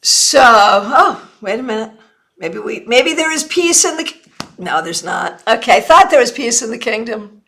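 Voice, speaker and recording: Woman, high voice, hiccuping, chatty live-stream tarot host who keeps saying sorry. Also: expressive, creaky, pushed and bright. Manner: apologetic, chatty, quick answers to viewers. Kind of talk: casual live-stream readings.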